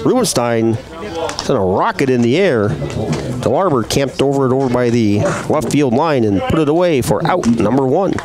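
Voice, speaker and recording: Lively baseball play-by-play man. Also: mid-range voice, moderate pace, a crowd in the background. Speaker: play-by-play announcer. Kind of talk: live baseball commentary.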